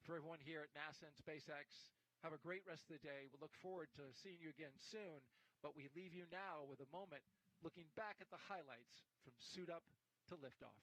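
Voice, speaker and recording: A man's voice: on the high side, brisk, fairly bright tone, no echo, low-quality recording. A middle-aged American man hosting a live launch broadcast on a studio headset. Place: indoor broadcast studio desk.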